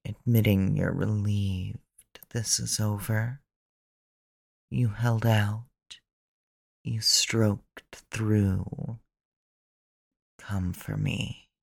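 Slow, gravelly low-voiced man. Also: dry recording, clean studio sound. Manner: soft, commanding, often whispered. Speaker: erotic audio performer. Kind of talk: slow intimate erotic roleplay.

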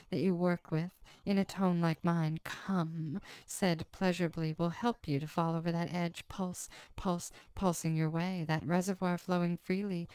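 A woman speaking as a hypnotist in a scripted trance recording, with a slow, soft, repetitive delivery and an authoritative, commanding tone. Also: on the low side, smooth, no echo.

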